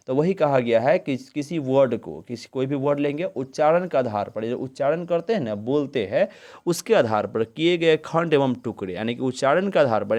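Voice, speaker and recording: A man with a mid-range, darkish voice teaches a grammar lesson. He keeps posing questions and answering them himself, stretching words out slowly to sound out their syllables.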